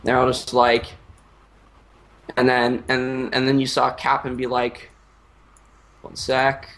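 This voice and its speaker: Speaking in a monotone, medium-pitched voice that's a bit bright, a young man improvises a comic story. He's casual and rambling, halting often and using crude slang.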